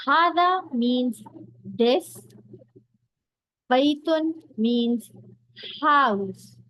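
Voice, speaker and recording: Lady teacher going slow for beginners, says everything twice, bit high voice, dry close mic. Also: animated, a bit bright, no echo, rough recording. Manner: slow, patient explaining, repeating words for learners. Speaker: Arabic teacher. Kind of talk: beginner language lesson.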